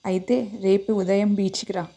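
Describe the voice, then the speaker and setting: A woman's voice: medium pitch, little pitch movement, moderate pace, mellow, lightly acted. A woman voicing an anxious, possessive young man who talks in an agitated way. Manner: agitated, pressing.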